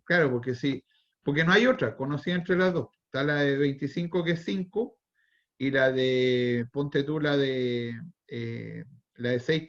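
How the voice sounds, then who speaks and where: A man with a Chilean accent lecturing on calculus in an online class. His voice sits a little high, and he restarts phrases as he works through examples and quizzes the students. The audio is dull and lo-fi. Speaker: university math lecturer.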